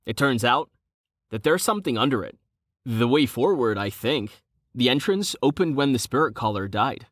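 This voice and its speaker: Audiobook: male narrator voices an earnest young hero, measured and dry. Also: mid-range voice, expressive, a bit bright, no echo.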